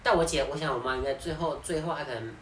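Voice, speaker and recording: A young woman with a low, fast voice tells a story in casual podcast chat, animated and laughing often. The mic is distant in an echoey room with background noise.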